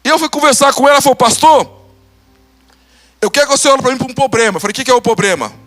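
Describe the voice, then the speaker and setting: Man, Brazilian accent, pastor, sermon, animated storytelling, bright tense voice. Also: very high-pitched, very fast, faint music behind. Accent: Brazilian Portuguese. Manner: animated, acts out dialogue, laughs.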